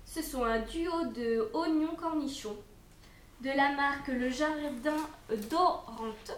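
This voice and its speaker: A woman's voice: high-pitched, a little hiss or hum. A young woman chatting casually as she unboxes and reviews food products, with frequent hesitations and fillers. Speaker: unboxing vlogger. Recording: echoey room.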